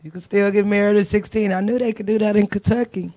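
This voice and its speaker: A woman's voice: mid-range voice, steady tone, fast talker, mellow, slight background noise. A woman co-host, talking casually and colloquially in a group discussion. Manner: colloquial, agreeing interjections. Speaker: talk show co-host.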